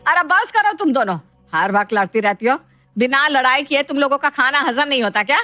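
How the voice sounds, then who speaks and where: A woman voicing an older mother-in-law in an animated family story, slow and grumbling. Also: medium pitch, dry recording, natural voice. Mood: scolding.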